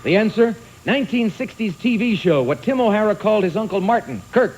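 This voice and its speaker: A man hosting a quiz show, reading clues and calling on players in a brisk, teasing manner. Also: high-pitched, animated, background noise. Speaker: game show host.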